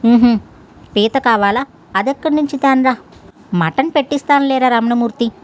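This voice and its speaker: A woman's voice: a little high, moderate pace, natural voice. A woman voicing a mischievous grown man who mocks his neighbor in a sly, playful way. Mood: teasing. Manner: sly, mocking.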